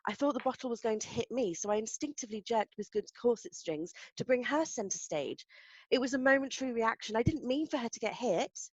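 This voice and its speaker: A woman's voice: on the high side, expressive, a little fast, slightly rough, dry recording. A woman playing a pantomime actress giving earnest testimony in an amateur courtroom audio drama. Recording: dry, dull lo-fi recording.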